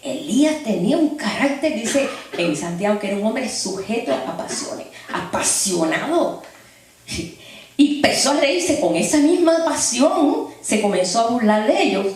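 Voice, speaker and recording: A woman preaching a sermon, telling stories in an animated way and laughing as she speaks. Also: fairly high pitch, a little slow. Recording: echoey hall from far off.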